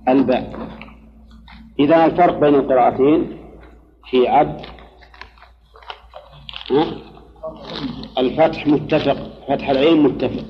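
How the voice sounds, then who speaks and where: A man giving a classroom lecture on Quranic readings and grammar, speaking in a measured way, repeating key words and putting questions to his students. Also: mid-range voice. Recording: muffled lecture hall with long reverb.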